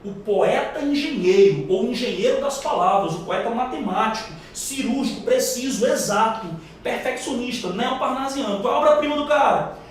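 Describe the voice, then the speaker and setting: A male teacher with a Brazilian Portuguese accent runs a live exam-prep class, quizzing the room in an emphatic, slangy way. His voice is extremely high-pitched at a moderate pace, recorded in an echoey room from a far mic with faint noise.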